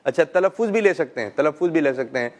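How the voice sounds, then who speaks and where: Middle-aged guy hosting a kids call-in show, gentle teacher vibe, slightly high voice. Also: animated. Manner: gentle, coaxing questions, frequent "mashallah". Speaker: children's show host.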